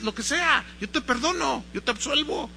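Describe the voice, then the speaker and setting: Man voicing a brusque tired priest, high and sharp, in a spoken sermon story. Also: lively intonation, gravelly, slight background noise, exaggerated voice. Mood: impatient. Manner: hurried, brusque. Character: tired, impatient parish priest, adult man.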